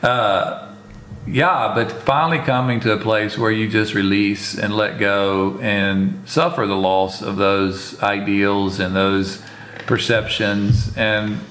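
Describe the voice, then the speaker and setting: A man co-hosting a casual chat, talking in a relaxed, rambling way with many fillers and restarts. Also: fairly low pitch, slow pace. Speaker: podcast co-host, former missionary. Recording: roomy echo, faint ambience.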